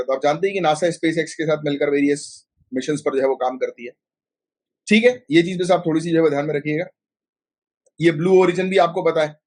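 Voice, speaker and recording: A north Indian man teaching a live online class for civil service exams, talking in a chatty, filler-heavy way. His voice sits a little high for a man. He slips English terms into his talk and keeps firing quick questions at his students. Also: a little mellow. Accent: Hindi-speaking north Indian. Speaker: exam coaching teacher.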